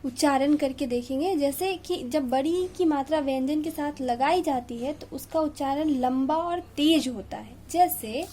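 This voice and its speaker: A woman's voice: high-pitched, a little slow, hardly any pauses, warm tone, slight background noise. A young woman teaching a kindergarten Hindi lesson, stretching out and stressing each syllable for small children. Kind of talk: slow classroom video lesson.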